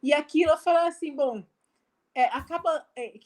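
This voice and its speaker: A woman's voice: high voice, moderate pace, a little mellow. A missionary woman with a Brazilian Portuguese accent telling a testimony over a live video call, chatty and full of fillers, acting out the dialogue she quotes. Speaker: guest, missionary.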